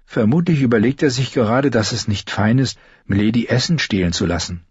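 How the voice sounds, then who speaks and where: A man narrating an audiobook in a steady, measured storytelling manner, with a husky voice. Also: mid-range voice, dry recording, dull audio.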